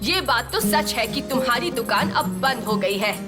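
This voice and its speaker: An actress dubbing an indignant mother who defends her son in an accusing, sharp-tongued way, over loud music. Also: fairly high pitch, animated, normal speed, natural voice. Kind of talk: Hindi dub of a TV drama.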